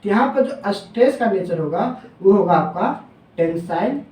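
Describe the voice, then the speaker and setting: A man teaching engineering in a classroom lecture. He asks questions and answers them himself, drops lower on the answers, and slows down when dictating formulas. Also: animated, a little mellow, distant mic. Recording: echoey room, voice off-mic.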